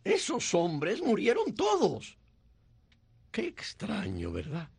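An old, gentle angel, gravelly and husky, slow and lively in pitch. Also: male voice, no echo, exaggerated voice. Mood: gently pleading. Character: elderly gentle guardian angel, male, earning his wings. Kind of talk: dubbed film dialogue.

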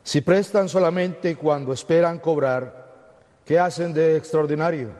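A man leads Mass as a priest, proclaiming and preaching solemnly to the congregation. His voice sits a little high. Each phrase rings with the long reverb of a cathedral-like church. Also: measured pace, a little mellow. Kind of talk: liturgical Gospel reading and homily. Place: large church, amplified, cathedral-like echo.

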